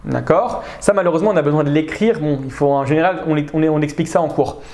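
A man's voice: a little high, fast, echoey room. A man teaching an Arabic grammar class online, explaining patiently and checking in with his students often. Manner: animated, checks understanding with frequent "d'accord?".

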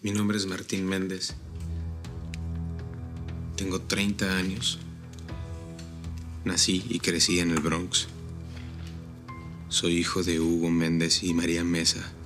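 A man's voice: sits low, completely flat delivery, slow, long pauses, music in the background. An actor playing a withdrawn young ex-convict who recites his lines mechanically in a telenovela. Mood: guarded. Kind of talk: telenovela acting.

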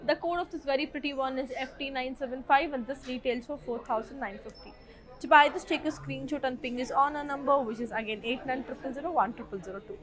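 A woman's voice: sits high, very fast, poor audio. A young woman with a South Indian accent presenting sales items in a showroom, enthusiastic and gushing. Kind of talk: live sales presentation, switching between languages. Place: saree showroom, indoors.

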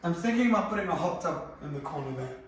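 A man's voice: a little high, quick pace, slight background noise. Chatty young man, echoey rooms. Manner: relaxed, chatty, many fillers, walking while talking. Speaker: vlogger giving a home tour. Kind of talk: casual chat. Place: indoors, modern house, moving room to room. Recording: echoey rooms, slightly distant mic.

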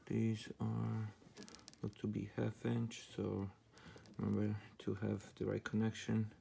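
This DIY how-to host, a man in his thirties, goes through a home setup step by step in casual, matter-of-fact fragments from a garage workshop. His voice is on the low side, completely flat and slow, with vocal fry and a mellow quality. The camera mic picks up slight background noise.

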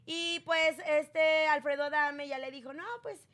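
A woman's voice: steady tone, measured pace, fairly bright tone. A woman hosting a casual gossip commentary, chatty and acting out quotes. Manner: chatty, acts out quotes with raised pitch. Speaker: gossip show host.

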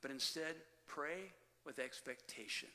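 Addressing his congregation as loved ones again and again, a pastor delivers an emphatic sermon in a slightly high, bright, forceful voice. His speech swells and falls with pauses, echoing with the reverb of the church hall.

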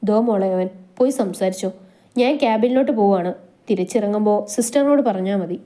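A woman's voice: medium pitch, fairly quick, warm tone, natural voice. A woman voicing a caring male friend, a doctor, speaking in a kind, reassuring way in a storybook reading.

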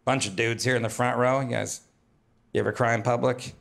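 Bright-voiced stand-up comedian, wry delivery. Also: male voice, medium pitch, flat delivery, fairly quick, gravelly. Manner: wry, conversational, jumps to loud put-on whines. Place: comedy club stage with audience laughter.

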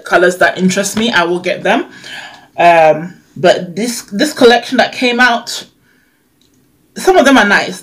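A young woman with a lisp, as if wearing a retainer, talking casually and a little hesitantly as a beauty vlogger. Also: medium pitch. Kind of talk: casual chat, product review. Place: bedroom, indoors.

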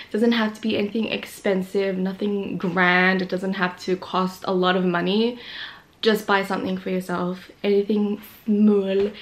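This young woman chats straight into a nearby camera from her bedroom, easygoing and talkative. She leans on fillers like "like" and "literally" and laughs between thoughts. The voice sits at an ordinary pitch for a woman. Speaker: vlogger. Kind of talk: casual chat to camera. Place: small bedroom indoors. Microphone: camera in front of her face.

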